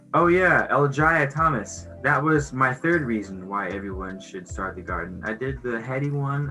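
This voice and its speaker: A man's voice: mid-range voice, sharp tone, poor audio. A man with a mid-range voice talks off the cuff as a livestream host. His delivery is laid-back stoner chat, full of slang and casual swearing. Music plays behind him. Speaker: livestream host chatting with viewers.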